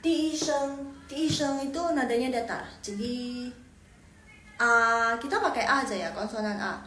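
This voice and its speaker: A woman's voice: a little high, lively intonation, brisk, a bit bright. A woman teaching Mandarin pronunciation in a live online lesson, chatty, repeating syllables and tones and correcting herself as she goes. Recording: echoey room with faint background noise.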